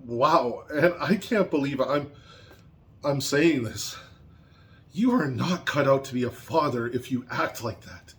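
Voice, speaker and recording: A man's voice: medium pitch, expressive, a little slow, a bit bright. A man angrily ranting in a vlog, swearing constantly and repeating points for emphasis. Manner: angry, profane, heated. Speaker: vlogger.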